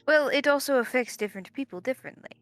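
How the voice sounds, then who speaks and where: A woman narrating as game master in a tabletop game, hesitant and quick to laugh, often restarting her sentences. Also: sits high, animated, fairly bright tone, no room sound, faint music behind.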